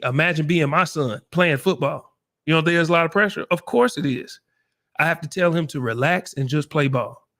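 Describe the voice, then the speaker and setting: A middle-aged man hosting a casual livestream chat, talking in a relaxed, encouraging, folksy way. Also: a little high. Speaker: livestream host.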